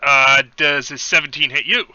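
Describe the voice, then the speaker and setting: Bright, forceful man running a tabletop game. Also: fairly high pitch, normal speed, no room sound, lo-fi sound. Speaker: game master. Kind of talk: casual narration of a tabletop fantasy game.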